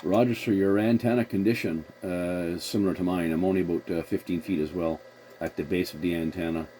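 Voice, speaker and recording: A CB radio operator who also hosts videos speaks in a low, steady, brisk voice. He runs a casual CB chat using radio call procedure, rephrasing himself along the way, and the recording is noisy.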